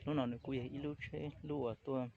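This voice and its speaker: Man talking over a loud crowd. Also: medium pitch, fairly even intonation, rapid-fire, vocal fry. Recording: muffled recording with crowd noise. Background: crowd chatter.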